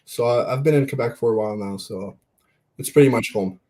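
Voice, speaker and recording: A young man born in Belgium answering interview questions in a relaxed, plain-spoken way with fillers. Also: mid-range voice, fairly quick. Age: young adult. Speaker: junior hockey player guest.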